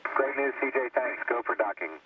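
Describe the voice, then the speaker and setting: A shuttle crew member making clipped, procedural calls over a crackly air-to-ground radio link. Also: male voice, mid-range voice, brisk, recorded from a distance. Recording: hissy narrow radio transmission.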